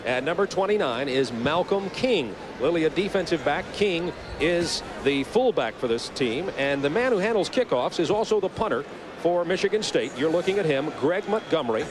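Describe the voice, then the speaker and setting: Male American play-by-play announcer, high-pitched, live football commentary over clear stadium noise. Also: lively intonation, normal speed. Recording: noisy outdoor stadium broadcast.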